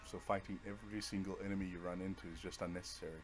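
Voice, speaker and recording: A man with a deep voice and level tone talks rapid-fire through casual commentary on his own game playthrough. As a let's play host, he sounds offhand and half talks to himself.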